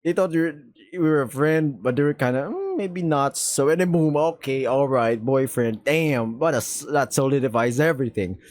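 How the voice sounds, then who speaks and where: A man casually commenting while he plays a visual novel, dropping animated, slangy asides. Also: mid-range voice, normal speed, no room sound. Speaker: gamer playing a visual novel. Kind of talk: casual gameplay commentary with reading aloud.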